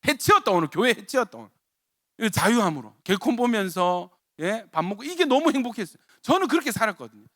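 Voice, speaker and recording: Very high-pitched, animated male preacher. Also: quick pace, no room sound, clean studio sound. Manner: animated storytelling, repeated exclamations. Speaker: pastor. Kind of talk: sermon.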